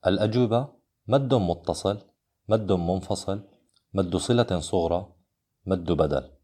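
A man teaching a scripted lesson on Quran recitation rules, reading the explanations plainly and chanting the verses and examples slowly. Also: low-pitched, warm tone, husky.

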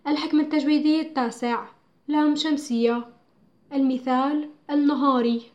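A woman reading a religious studies textbook lesson aloud, measured and clear, with slow, careful recitation of verses. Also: high-pitched, steady tone, highs cut off. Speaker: narrator of a school textbook audio.

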